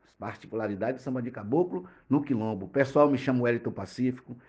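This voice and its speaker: A man's voice: mid-range voice, fast talker, a little mellow, highs cut off. A man from Bahia, a teacher and cultural activist, earnestly explaining a topic to podcast listeners. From Bahia, Brazil.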